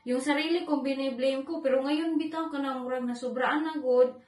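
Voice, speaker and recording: Young woman, emotional confessional vlog, higher voice, roomy echo. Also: fairly even intonation, normal speed, darkish tone. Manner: tearful, upset, rambling, mixes in English. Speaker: vlogger.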